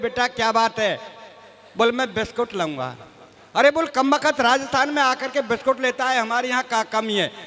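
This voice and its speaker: A man's voice: extremely high pitch, pushed and bright. A man from Rajasthan performing stage comedy poetry, folksy and self-mocking, talking straight to the audience. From Rajasthan, India. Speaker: comic poet. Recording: echoey hall reverb.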